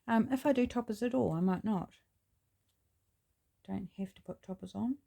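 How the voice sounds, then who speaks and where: Speaking at a normal speed in a mid-range register, this New Zealand woman hosts a craft channel and chats while she crafts. Her voice is scratchy and gravelly, her manner relaxed and chatty as she thinks out loud.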